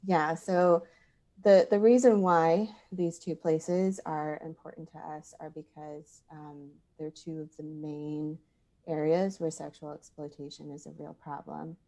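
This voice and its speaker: A woman in her thirties who grew up in Thailand, a podcast guest speaking earnestly with many pauses. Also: low-pitched, fairly even intonation, dark tone. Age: 30s. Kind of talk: podcast interview.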